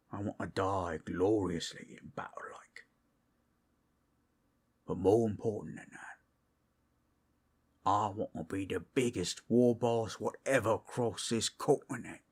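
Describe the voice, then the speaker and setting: Man playing an ork brute, male, husky, slow-paced, folksy, boastful yet friendly, fantasy ASMR ASMR role-play. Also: lowish voice, lively intonation. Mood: chatty, dreamy. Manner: folksy, rambling, boastful fantasy-brute talk with rustic grammar.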